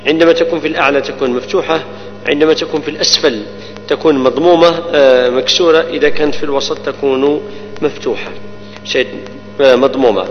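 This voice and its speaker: A man teaching the rules of Quran recitation. He explains each rule step by step and recites the verses slowly, drawing out the words. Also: a little high, fairly even intonation, faint music behind. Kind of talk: tajweed lesson with recited verses. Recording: long reverb, dull lo-fi sound, mains hum.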